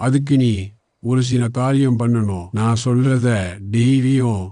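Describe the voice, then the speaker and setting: A man's voice: mid-range voice, steady tone, a little slow, dark tone, no room sound, studio quality, lightly acted. A man playing a mysterious bald stranger who soothes a crying boy and promises him magic. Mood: coaxing.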